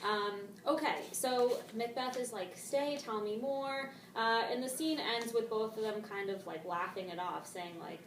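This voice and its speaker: A woman's voice: mid-range voice, moderate pace, few pauses. A woman teacher leading a casual discussion of a play, paraphrasing the text in everyday modern slang. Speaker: English teacher. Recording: roomy, distant mic, faint noise.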